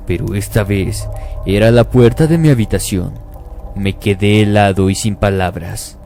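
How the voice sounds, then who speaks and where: A man narrating a first-person horror story at a slow, calm pace. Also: on the low side.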